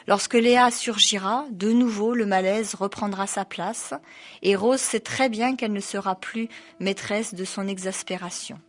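A woman reading a novel aloud, breaking off for hesitant spoken asides full of fillers. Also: fairly high pitch. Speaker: reader.

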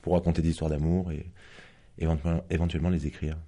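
A man, an author, speaking as a guest in a casual interview in a calm, measured and slightly halting way. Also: very deep voice.

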